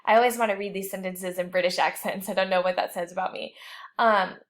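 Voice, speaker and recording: A woman instructor giving a recorded online writing lecture, explaining rules clearly with the odd light joke. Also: mid-range voice, steady tone, brisk.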